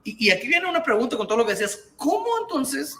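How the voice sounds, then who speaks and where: A man's voice: very high-pitched, big pitch swings, fast talker, sharp tone. A man hosting an interview, eagerly asking questions and agreeing with enthusiasm. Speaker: host.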